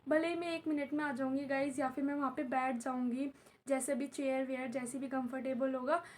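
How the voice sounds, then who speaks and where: A woman's voice: high voice, steady tone, a little fast. A young woman vlogging casually from home, chatty and repetitive. She is unwell and in pain. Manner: chatty, repeats herself, addresses viewers as guys. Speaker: vlogger and tuition teacher. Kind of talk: casual vlog talk to camera. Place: at home while her mother does her hair.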